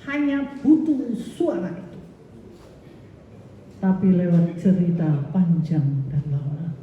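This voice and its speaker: A woman's voice: fairly low pitch, takes it slowly. A woman pastor giving a chatty sermon full of stories and quoted voices. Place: church hall. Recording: echoey hall from far off, dull.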